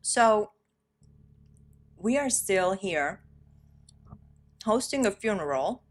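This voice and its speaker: A woman's voice: medium pitch, animated, drawn-out words. A woman co-hosting a live stream, chatting casually with slang. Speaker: stream co-host.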